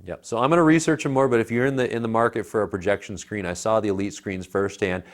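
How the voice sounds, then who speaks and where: An American tech reviewer and show co-host in his thirties chats casually about gadgets from his living room, speaking emphatically, persuasively, and colloquially. His voice is on the low side with fairly even intonation, he talks fast, and he's recorded on a clip-on lapel mic.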